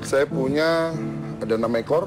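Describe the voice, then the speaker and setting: A man appearing as a guest on a studio talk show who breeds chickens. He answers in short, plain sentences and hesitates often. Loud music plays behind him. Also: medium pitch, normal speed. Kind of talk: interview answers.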